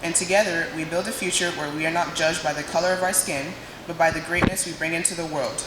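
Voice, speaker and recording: A young Nigerian woman, a student, gives a prepared speech to an audience, her deep voice steady as she delivers it dramatically and emphatically with pauses. The recording has an echoey hall and noisy room sound.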